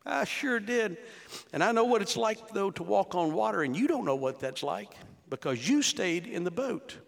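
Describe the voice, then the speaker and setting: A man's voice: high-pitched, animated, normal speed, gravelly. A man in his sixties, a pastor preaching a conversational sermon with rhetorical questions to his congregation in a church. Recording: long hall reverb.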